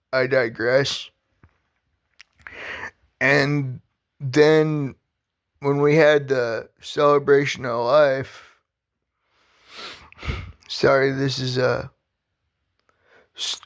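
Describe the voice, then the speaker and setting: Slow, earnest man rambling on a vlog. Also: medium pitch, clean tone. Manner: halting, rambling, with many restarts; earnest and heartfelt. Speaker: vlogger. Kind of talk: casual personal vlog talk.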